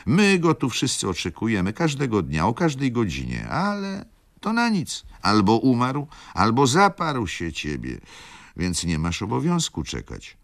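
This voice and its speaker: A man's voice: low voice, big pitch swings, unhurried, vocal fry, no room sound, studio quality, voice pushed up, full character voice. A man voicing a stern, grey-haired old mother in an audiobook reading, speaking in an agitated, declamatory way. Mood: indignant.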